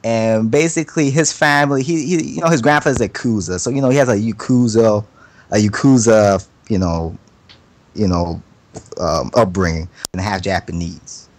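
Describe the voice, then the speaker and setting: On an anime podcast, a fairly low-pitched man rambles casually through his views in halting, profane slang that keeps repeating itself. The recording is dry.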